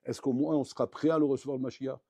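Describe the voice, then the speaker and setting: A rabbi teaches a lively Torah class, acting out small dialogues and swinging from loud outbursts to quiet asides. His medium-pitched voice is husky and fast, captured in a dry recording.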